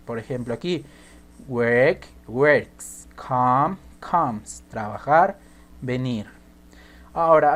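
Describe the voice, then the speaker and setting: Slow, low-voiced woman teaching grammar. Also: a little mellow. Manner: patient, repeats key points, checks in with "¿sí?" and "¿ya?". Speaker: English teacher. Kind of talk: recorded online grammar lesson.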